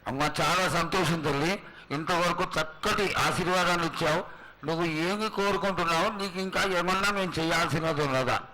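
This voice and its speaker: High, bright-voiced man in reverent address. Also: a little fast. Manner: reverent, ornate, pleading. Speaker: priest questioning the oracle. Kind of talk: formal devotional address. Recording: noisy live event sound.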